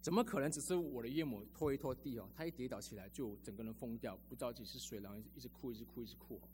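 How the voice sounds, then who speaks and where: A man's voice: mid-range voice, rapid-fire, darkish tone, a little hiss or hum. A man preaching a sermon as a pastor, telling personal stories in a chatty way with lots of sentence-final particles.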